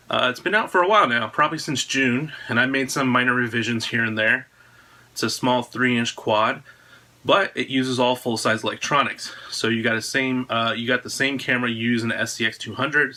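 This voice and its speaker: Indoors at home, a drone frame designer announces a product in his own video, chatting casually to camera. He's an American man in his thirties whose medium-pitched voice comes across pushed and bright.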